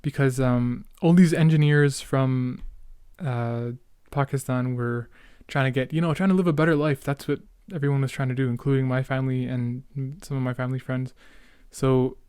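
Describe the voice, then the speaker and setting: A man's voice: medium pitch, fairly even intonation, normal speed, hardly any pauses, darkish tone, clear, resonant tone, no echo, studio quality. A young man, chatting casually and in a rambling way as he hosts a solo podcast. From Canada. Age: late teens, young adult. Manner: rambling, self-interrupting, youthful slang. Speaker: podcast host. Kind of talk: casual solo chat, reminiscing.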